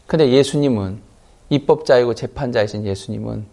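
한 남자 목사가 회중에게 반복해서 질문을 던지며 힘주어 설교한다. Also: male voice, mid-range voice, fairly quick, creaky, warm tone. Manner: emphatic, rhetorical questions to the congregation. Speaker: pastor. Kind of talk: sermon.

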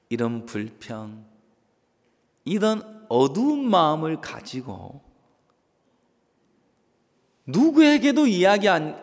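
A male pastor preaching a sermon, moving between loud stressed phrases and soft, quiet asides. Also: a little high. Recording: long hall reverb.

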